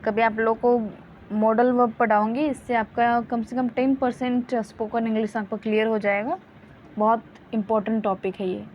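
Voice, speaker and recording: A young woman teaching spoken English, explaining slowly and patiently and drilling example words again and again. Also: fairly high pitch, fairly even intonation. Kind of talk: bilingual grammar lesson. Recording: dull lo-fi audio with faint hiss.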